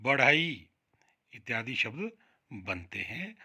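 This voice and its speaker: Slow, emphatic male Hindi teacher. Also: medium pitch, lively intonation, sharp tone. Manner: slow, drawn-out, emphatic pronunciation of example words; addresses children directly. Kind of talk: classroom-style Hindi grammar lesson.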